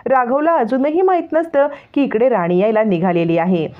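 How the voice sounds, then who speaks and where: A woman retells a serial's plot in a steady narrating voice. Her voice sits fairly high. The recording is thin and phone-like. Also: moderate pace. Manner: steady storytelling. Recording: tinny phone-like sound.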